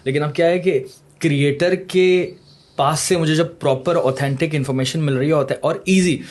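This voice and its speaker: A man's voice: fairly high pitch, fairly even intonation, a little mellow. Man hosting podcast, mixing English. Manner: responsive, mixes English phrases into Urdu. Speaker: podcast host. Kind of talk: podcast conversation.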